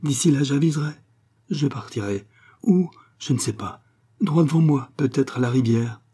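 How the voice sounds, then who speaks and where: A man's voice: medium pitch, normal speed, dark tone, slightly rough, pitched above the performer's own voice, close to an everyday voice. A man voicing a distressed young servant girl who pleads through tears, read in a short story. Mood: desperate.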